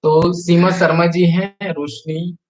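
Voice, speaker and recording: A man from Chhattisgarh chats on a live stream in a voice sitting slightly high for a man. He talks easily and at length, reads out viewer comments one after another, and keeps asking people to like the video. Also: flat delivery, slow pace, a little mellow, rough recording. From Chhattisgarh, India. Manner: chatty, reads out viewer comments and urges likes. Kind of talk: casual live-stream chat.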